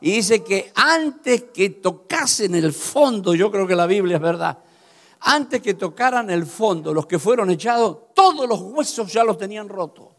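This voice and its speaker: A man preaching with passion, his voice sitting very high. He drifts between calm retelling and loud, fervent bursts. The sound rings with the long reverb of a church hall. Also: unhurried. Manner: impassioned, swings from storytelling to shouting. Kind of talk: sermon.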